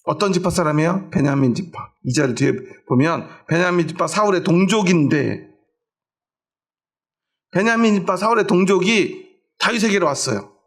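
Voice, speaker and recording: A man's voice: sits high, expressive, moderate pace. A middle-aged male pastor preaching a sermon, asking the congregation questions and answering them himself, with homely everyday stories. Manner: tells homely everyday stories to make his point. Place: church.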